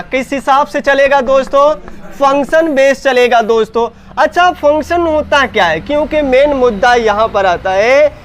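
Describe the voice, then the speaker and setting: A man from India leads an English grammar lesson in Hindi, his voice sitting fairly high for a man. He fires questions at the class and often answers them himself, going over each point again and again in a classroom lecture. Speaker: English teacher.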